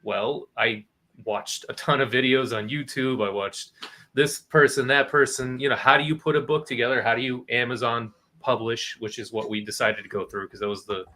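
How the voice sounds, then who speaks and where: A man, a guest co-author, telling a story in casual chat, animated, cursing freely and acting out what others said. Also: medium pitch, moderate pace. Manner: animated, swears freely, quotes others in voices.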